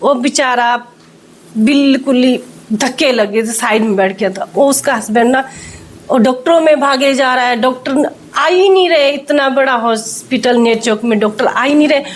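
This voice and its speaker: This woman's voice sits high and moves at a normal speed. Recounting a church testimony for an interviewer, she narrates the story and voices the quoted speech herself.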